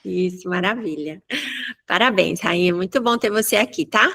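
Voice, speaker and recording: A woman mentor hosting an online business meeting, brisk and directive while encouraging the participants. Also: fairly low pitch, creaky, sharp tone. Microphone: video call.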